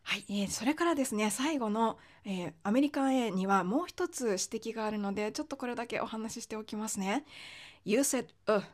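A woman teaching English pronunciation on a podcast, explaining patiently with frequent fillers and slowing down to demonstrate sounds. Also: a little high, animated.

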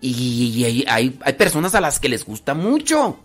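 A man's voice: mid-range voice, big pitch swings, normal speed. A man with a Mexican Spanish accent giving a casual, conversational moral talk, often acting out little everyday scenes to make his points. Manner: conversational, acts out little scenes, frequent fillers.

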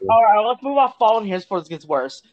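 A man's voice: sits high, big pitch swings, fast talker, highs cut off, a crowd in the background. A man hosting a casual gaming chat. He moves through a ranked list and pokes fun at himself. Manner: moves the list along, self-deprecating. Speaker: show host running the list.

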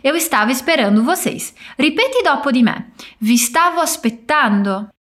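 A woman teaching a language, modelling short phrases slowly for listeners to repeat. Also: high voice, big pitch swings, fairly bright tone. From Brazil. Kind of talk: guided pronunciation drill.

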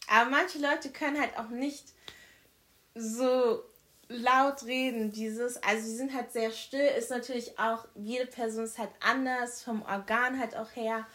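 Young woman guest w a really loud voice, bit high, talks in quick emphatic bursts. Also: fairly even intonation. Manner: emphatic, quick bursts, says "ich schwör". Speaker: podcast guest. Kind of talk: casual chat.

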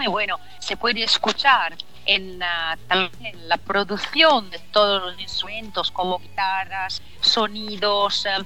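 A sharp-toned, mid-range voice belongs to an Italian-born singer with an Italian accent, speaking hesitantly and groping for words in a radio interview. Faint music is audible in the background.

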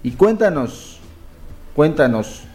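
A man's voice: a little high, sing-song, takes it slowly, darkish tone, husky. A man with a Mexican accent hosting an interview, effusive and rambling, with many restarts. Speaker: interviewer host. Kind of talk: casual interview.

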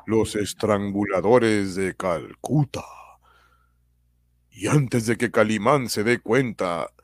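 A man acting as a dramatic old radio serial announcer, with slow, suspenseful, theatrical delivery. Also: fairly low pitch, a little hiss or hum. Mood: ominous suspense.

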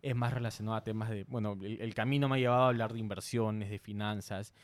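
A man's voice: lowish voice, steady tone, fast. A man from Peru, a content creator, telling a story in a casual interview, earnest and a little self-conscious, often restarting his sentences.

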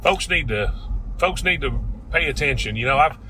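A man's voice: a little high, expressive, moderate pace. A middle-aged man with a Southern Smoky Mountains drawl, co-hosting a casual, folksy podcast. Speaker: podcast co-host. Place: inside a moving car. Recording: constant vehicle road noise.

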